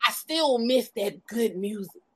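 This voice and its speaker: High-voiced outspoken woman in her forties. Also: expressive, a little slow, fairly bright tone, husky, rough recording. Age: 40s. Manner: outspoken, joking, laughs often. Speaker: host. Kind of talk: casual interview chat.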